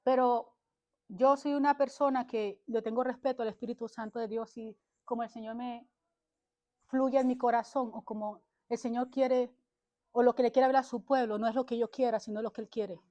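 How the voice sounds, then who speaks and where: A high-pitched woman preaching with fervor, exhorting her listeners and driving each point home. She punctuates nearly every thought with "amén", and her delivery is that of a passionate sermon streamed to an online congregation. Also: fairly even intonation, normal speed, mellow, muffled recording. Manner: emphatic, punctuates phrases with "amén". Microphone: livestreamed to social media.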